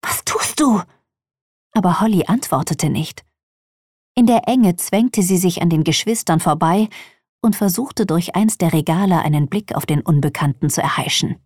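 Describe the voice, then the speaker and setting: A woman narrating a children's audiobook in an expressive reading voice. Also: fairly low pitch, normal speed, no echo, studio quality.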